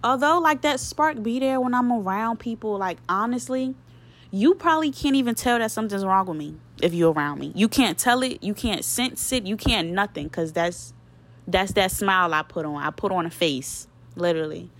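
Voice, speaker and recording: A woman's voice: medium pitch, animated, moderate pace, fairly bright tone. A woman in her twenties hosting a solo podcast, venting candidly and emotionally in casual slang and often repeating her phrases. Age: 20s. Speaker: podcast host.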